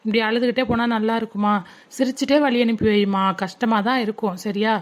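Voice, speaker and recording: A woman playing an adult female relative who calmly reassures a crying girl. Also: a little high, fairly quick, lightly acted. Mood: reassuring. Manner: reassuring, gently persuasive.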